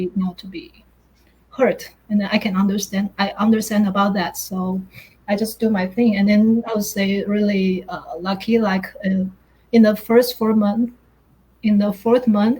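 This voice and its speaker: The host, a middle-aged Taiwanese woman running a live online video-call chat, speaks in a chatty, faltering style thick with "uh" and "you know." She has a slightly mellow, medium-pitched voice on a low-quality recording.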